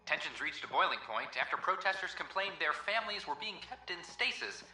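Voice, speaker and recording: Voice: mid-range voice, sing-song, fairly quick. A formal announcer over a station PA. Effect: station public address announcement. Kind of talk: scripted announcements and news bulletins. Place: space station concourse in a video game. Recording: echoey PA with loud ambient hum.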